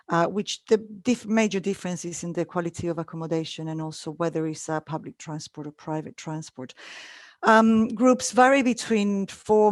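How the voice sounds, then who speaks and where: A woman's voice: lowish voice, dry recording. A woman from Chile with a Chilean Spanish accent, giving an informal online travel presentation with many fillers and restarts.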